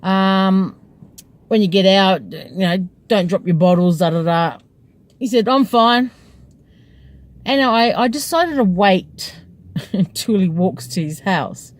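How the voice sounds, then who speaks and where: A woman's voice: mid-range voice, unhurried, a little mellow. Woman, taxi driver, chatty and wry storytelling, recorded in her parked cab. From Australia. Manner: chatty, wry, laughs while telling. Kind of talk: casual storytelling vlog.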